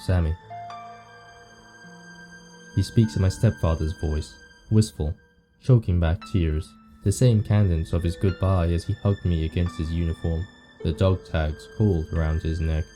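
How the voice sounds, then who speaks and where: A man reading the lines of a weary, morbid undead painter from a visual novel, slowly and somberly. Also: deep voice, steady tone, music in the background. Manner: slow, somber reading of game text.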